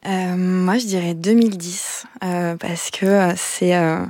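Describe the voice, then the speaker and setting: Soft, hesitant woman guest, flat voice. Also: lowish voice, slow, no echo. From southern France. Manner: soft, hesitant, many fillers. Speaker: guest, musician. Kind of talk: casual interview answer.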